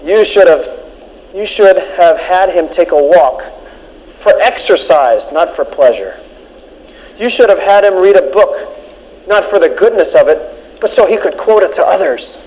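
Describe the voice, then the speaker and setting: A man's voice: high voice, lively intonation, a little slow, darkish tone, big-room sound. A man voicing a scheming senior male devil who lectures a junior devil in a scolding tone. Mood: chiding. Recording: dull lo-fi recording.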